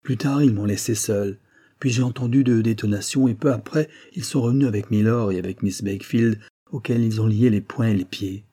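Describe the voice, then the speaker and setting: A man's voice: on the low side, a little fast, dark tone, husky. A man reading a male servant who gives a plain, detailed account of events in an audiobook. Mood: grave.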